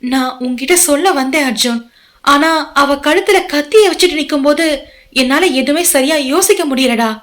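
A woman's voice: high-pitched, normal speed, natural voice. A woman voicing a guilt-ridden young woman who pleads tearfully in an audio novel. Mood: pleading.

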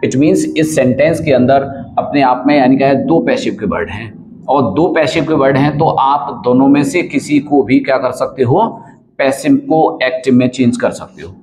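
A man's voice: mid-range voice, lively intonation, normal speed, a little mellow, a little hiss or hum, poor audio. A man teaching an English grammar lesson, explaining step by step and often asking checking questions.

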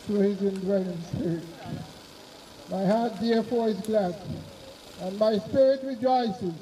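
A man officiating as clergyman, reading solemn burial prayers and scripture outdoors in measured, formal phrases. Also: sits high, warm tone. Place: outdoor cemetery on open grassy ground. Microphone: far camera behind the speaker. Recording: distant mic outdoors, faint noise.

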